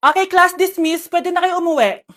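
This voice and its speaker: A woman's voice: extremely high pitch, normal speed, a bit bright, slight background noise. A woman acting out a comedy skit, switching between a sassy teacher, students and a mother. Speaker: skit performer playing several characters.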